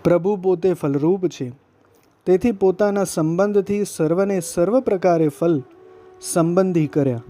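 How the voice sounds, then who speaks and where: A man reading a devotional scripture text aloud as narrator, in a gentle, steady recited delivery. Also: high-pitched, unhurried.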